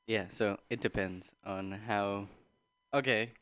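A man's voice: lowish voice, steady tone, slow, fairly bright tone, clear, resonant tone, no echo, studio quality. A young man co-hosting a casual podcast, laid-back and hesitant, often breaking into laughter. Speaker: podcast co-host.

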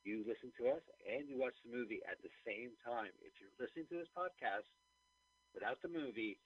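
A man's voice: medium pitch, animated, brisk, husky. A man hosting a podcast over the phone, chatty and plugging the show. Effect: talking over the phone. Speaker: podcast host. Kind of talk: casual podcast chat. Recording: muffled telephone line.

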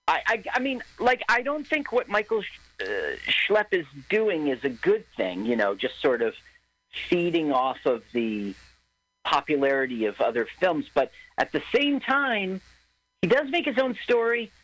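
A man's voice: on the high side, sing-song, moderate pace, a bit bright, low-quality recording. A man co-hosting a casual film commentary, talking in an opinionated, analytical way.

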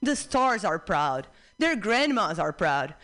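On a club stage, a young stand-up comedian from the Czech Republic performs with an accent that comes through in every line. Her lowish voice delivers punchlines dryly and deadpan, with small pauses.

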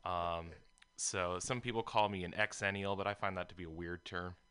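A man in his thirties from the USA, a comedian guest chatting casually on a radio show, relaxed with chuckles between remarks. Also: low voice, moderate pace, clear, resonant tone, no echo. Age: 30s. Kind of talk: casual interview chat. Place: radio studio.

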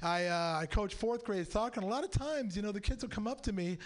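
High-pitched guy rambling thru a comedy set, puts on snooty voices. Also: expressive, fast. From San Francisco. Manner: rambling, self-mocking, slips into snooty put-on voices. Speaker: stand-up comedian. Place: radio studio open mic.

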